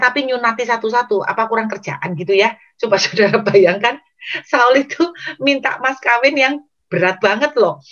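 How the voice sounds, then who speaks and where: A woman evangelist preaching a sermon, telling the story in a lively way and speaking straight to the congregation. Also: fairly high pitch. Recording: dull lo-fi recording.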